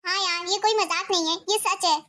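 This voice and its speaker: A woman's voice: very high voice, steady tone, a little fast, pushed and bright. A woman voicing a worried young wife confiding to a friend in a cartoon story.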